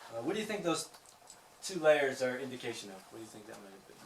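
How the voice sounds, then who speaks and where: Inside a lava tube, a male tour guide talks fast at medium pitch, his voice swinging widely up and down. He teaches in a relaxed way, asks the group questions, and cracks jokes while his words bounce off the walls. It's recorded from a distance, echoey, with faint noise.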